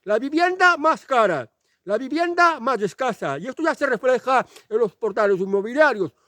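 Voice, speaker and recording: Guy from spain ranting hard, really high pitched, dry close sound. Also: expressive, normal speed, sharp tone, no echo. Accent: Spanish from Spain. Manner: indignant, emphatic, repetitive. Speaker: channel host. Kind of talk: opinion monologue.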